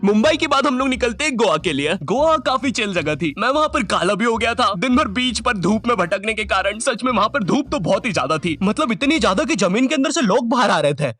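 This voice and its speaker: A young man with a high voice narrating a comic animated travel vlog. He talks in a chatty, joking way over a faint music bed. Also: a little fast, hardly any pauses. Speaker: vlogger.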